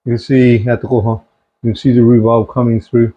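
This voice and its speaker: A man's voice: mid-range voice, level tone, moderate pace, slight background noise. A middle-aged man casually showing home cooking in his kitchen, chatting easily and slipping in Punjabi-Urdu phrases. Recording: dull lo-fi home recording.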